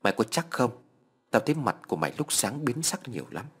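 Brief: male narrator as a friendly-sounding ghost disguised as a teen pal, coaxing, pushy, lively delivery. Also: mid-range voice, fairly quick, breathy edge. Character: ghost posing as a teenage boy friend.

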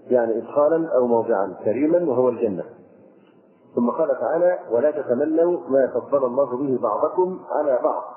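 A male Islamic scholar giving a religious lesson, explaining scripture line by line with fillers. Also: mid-range voice. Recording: tinny phone-like lo-fi recording.

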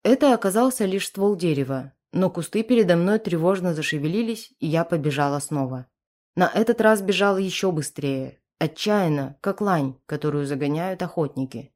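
A woman narrating an audiobook in a steady, dramatic reading voice. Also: on the low side, moderate pace.

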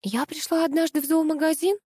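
A woman's voice: sits high, fairly even intonation, dark tone, no echo, studio quality, voice pushed up, close to an everyday voice. A woman voicing a chattering ditzy young contestant. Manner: rapid chattering.

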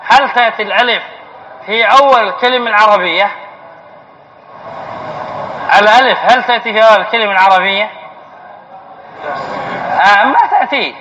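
High-voiced sheikh teaching grammar. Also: male voice, fairly quick, pauses often, pushed and bright. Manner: asks the class questions and answers them himself. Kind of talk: classroom grammar lesson. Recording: dull lo-fi lecture recording with faint hiss.

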